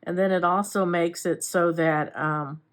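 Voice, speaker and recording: A woman with a somewhat low voice walks through crochet steps in a relaxed, casual tutorial. She talks as she works, unhurried, with chatty little asides and self-corrections. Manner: unhurried, talks while working with her hands. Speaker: crochet instructor. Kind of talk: casual step-by-step craft tutorial.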